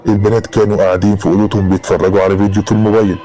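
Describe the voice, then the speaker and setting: A man's voice: fairly low pitch, flat delivery, racing, mellow, faint music behind. A man with an Egyptian Arabic accent narrating a horror story in the first person, in a dramatic storytelling style.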